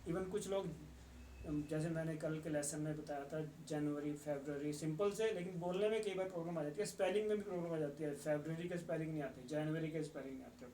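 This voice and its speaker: A man teaching English in a patient, explanatory way, slowing down for English phrases. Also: a little high, fairly even intonation, warm tone, a little hiss or hum. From Punjab. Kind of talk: explanatory lesson. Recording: echoey, distant room mic with faint ambience.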